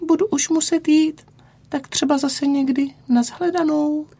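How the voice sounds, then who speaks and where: A woman's voice: high voice, fairly even intonation, mellow, voice pushed up. A woman voicing a tiny, timid male elf in a children's story. He speaks earnestly and a little fearfully.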